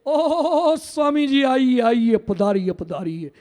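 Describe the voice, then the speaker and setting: A man voicing a sleepy, overly polite male house host who welcomes guests in an unhurried, courteous way. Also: very high-pitched, big pitch swings, warm tone, long reverb tail, heavily acted.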